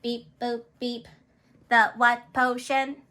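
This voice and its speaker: A beeping male robot sidekick, played by a woman in a cheerful home video. The voice sits a little high and bright, and it stays robotically flat. It speaks in slow, even robot tones. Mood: robotic. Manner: flat robotic monotone with beep-boop noises.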